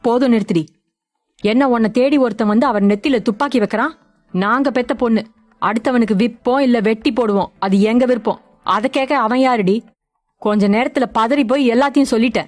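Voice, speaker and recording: A woman's voice: fairly high pitch, fairly quick, a little mellow, natural voice. A woman voicing a greedy, harsh middle-aged mother who scolds with contempt. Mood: contemptuous.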